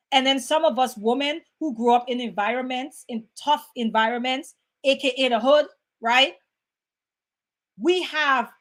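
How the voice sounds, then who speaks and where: A woman with a bright, high voice talks to her audience in a loose, animated way. She keeps it conversational and chats warmly with viewers as she reads out their comments. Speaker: host reading live chat. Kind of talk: casual livestream talk.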